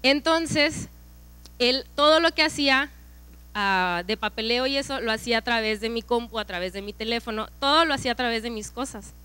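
A young Mexican woman with a Mexican accent gives a personal testimony to a church women's gathering. Her voice sits a bit high and comes through smooth and clear. She tells the story in a lively way, acting out the back-and-forth of conversations. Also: fairly quick. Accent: Mexican Spanish. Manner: lively storytelling with quoted dialogue. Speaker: speaker at a church women's event.

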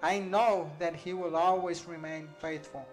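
A young man from Costa Rica, an evangelist, giving an earnest, measured scripted appeal for his ministry. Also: fairly high pitch, fairly even intonation, faint music behind, low-quality recording. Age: young adult.

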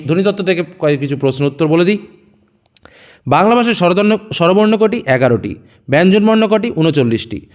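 A male teacher runs quick question-and-answer revision for students. His voice sits high and moves a lot, and each answer comes out lower and softer than the question before it.

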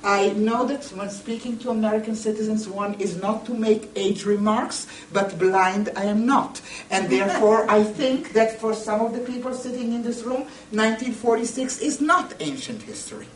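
With a voice on the high side and fairly even intonation, an older woman lecturer and museum educator addresses a seated audience emphatically and deliberately, using rhetorical questions and speaking to listeners directly. She's recorded from a distance by a camera a few metres away in an echoey meeting room with some background noise.

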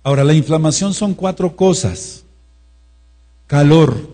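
A man's voice: fairly high pitch, lively intonation, a little slow, mellow. A man with a Mexican accent teaching a sermon, repeating key words and asking his listeners questions. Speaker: preacher.

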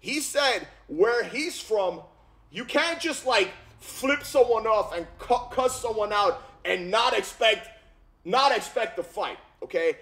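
A YouTube commentator in his thirties, originally from Armenia, reacts casually to fight news from his home gaming room, speaking into a headset mic. His voice is high and his delivery slow, yet animated and slangy, full of repetition and constant "bro" and "okay?".

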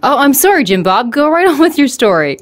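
A woman speaking as a smooth radio host, introducing guests and taking calls in a comedic call-in sketch. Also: high voice, sing-song, brisk.

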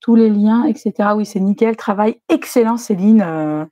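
Brief: female live-stream host, mellow tone, dry close recording, chatty, reads viewer chat aloud. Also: mid-range voice, normal speed, dry recording.

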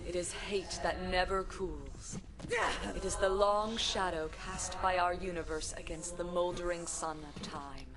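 A woman's voice: on the low side, steady tone, noisy background, lightly acted. A woman voicing a grave, ominous game narrator. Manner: slow, measured, foreboding. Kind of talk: solemn scripted game narration.

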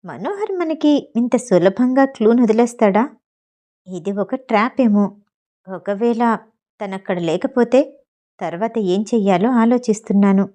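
A woman voicing a suspicious, cautious young man who talks in a low, measured way. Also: expressive, mellow. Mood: wary.

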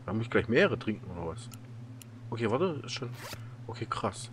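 A man's voice: lowish voice, big pitch swings, brisk, background noise. A man with a German accent giving casual let's-play commentary, rambling and telling stories with many fillers and laughs. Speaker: gaming YouTuber.

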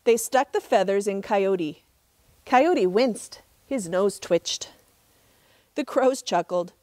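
A middle-aged woman, a park ranger, reading a trickster tale as expressive, measured storybook narration outdoors. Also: mid-range voice, dry recording. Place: outdoors in open desert.

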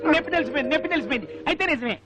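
An actor playing a cheeky son-in-law sidekick in a comic film, quick and teasing. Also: male voice, very high-pitched, animated, muffled recording, very noisy.

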